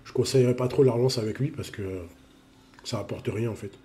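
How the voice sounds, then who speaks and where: Man, sniffly with a cold, warm dark voice, casual game stats review, lots of repeats and fillers. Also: medium pitch, quick pace. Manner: repeats himself, full of fillers. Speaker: mobile game analyst.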